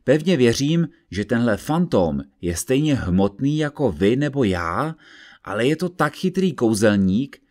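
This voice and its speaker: A man voicing a stern, agitated judge who speaks in an insistent, forceful way in an audiobook reading. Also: mid-range voice, big pitch swings, voice pushed up, close to an everyday voice.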